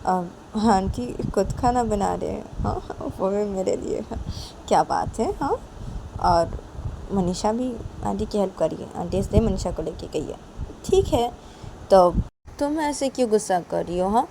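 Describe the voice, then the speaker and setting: Brief: a woman playing a soft, pleading young friend, slightly raised voice, in a spoken love story. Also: mid-range voice, expressive, a little slow, gravelly, noisy background. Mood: coaxing. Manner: coaxing, pleading, repetitive.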